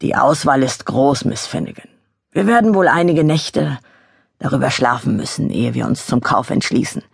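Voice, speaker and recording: A woman voicing a polite male customer in an art gallery, who speaks in a smooth, courteous, flattering way. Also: very deep voice, normal speed, dry recording, clean studio sound, exaggerated voice.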